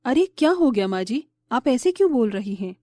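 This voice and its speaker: A woman voicing a meek, gentle young daughter-in-law in a cartoon story, speaking softly and submissively. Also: fairly high pitch, big pitch swings, fairly quick. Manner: soft, submissive.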